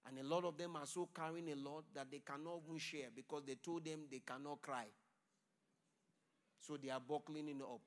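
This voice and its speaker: A man's voice: fairly high pitch, steady tone, normal speed. A man preaching a sermon, pleading with his congregation and calling for their responses. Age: adult. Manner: loud declaring blessings.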